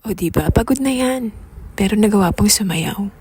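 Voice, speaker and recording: A woman's voice: medium pitch, animated, normal speed, noisy background. A woman with a Filipino accent narrating a casual vlog in a chatty, playful, self-teasing way. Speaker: vlogger.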